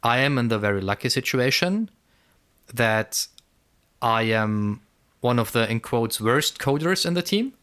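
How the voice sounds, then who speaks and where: A podcast co-host chats casually, rambling and repeating words as he thinks out loud. His medium-pitched voice is expressive, a little slow, a bit bright, and clean in tone.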